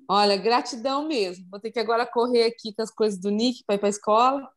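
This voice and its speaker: A woman leading a group conversation, thanking a participant in a relaxed, friendly way. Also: fairly high pitch, fairly quick. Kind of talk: casual group chat.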